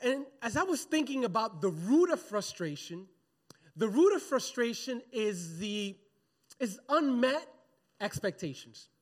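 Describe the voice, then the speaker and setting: A pastor with a high voice preaches to his church in an easy, talk-to-you manner. He keeps asking the people in front of him to answer back and join in. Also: big pitch swings, unhurried. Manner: conversational preaching, calls for audience response. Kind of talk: sermon. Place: church sanctuary.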